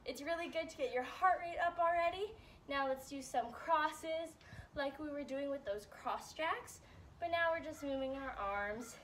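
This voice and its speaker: A young woman teacher leading warm-ups and stretches for kids, upbeat and a bit out of breath, checking in often. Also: high-pitched, normal speed, far from the mic, a little hiss or hum. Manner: upbeat coaching, checks in with "all right?". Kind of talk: guided exercise instruction.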